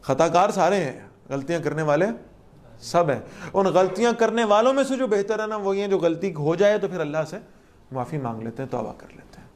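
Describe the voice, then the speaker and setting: A woman giving a Quran lesson, reciting Arabic verses and explaining each one with questions to her listeners. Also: on the low side. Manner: lively, asks the listeners questions. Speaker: Quran teacher.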